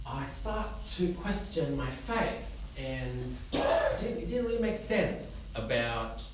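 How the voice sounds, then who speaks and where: A man's voice: mid-range voice, very animated, takes it slowly. A young man from Indonesia preaching as a guest in a church, friendly and self-deprecating with jokes along the way. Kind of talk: sermon with humor. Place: church sanctuary. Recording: echoey church from far off, noisy.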